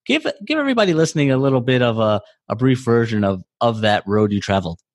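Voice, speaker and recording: An American man speaks as a podcast host, introducing and interviewing a guest. His voice sits at a middling pitch and moves up and down a great deal. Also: very animated, quick pace. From New Jersey, US. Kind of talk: upbeat podcast hosting and interview.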